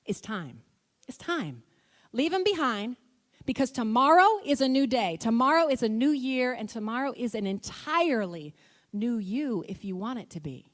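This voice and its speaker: A woman giving a motivational church talk, emphatic and repetitive, with quick bursts of speech. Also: fairly high pitch, expressive. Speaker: motivational speaker. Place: church hall. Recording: long church hall reverb.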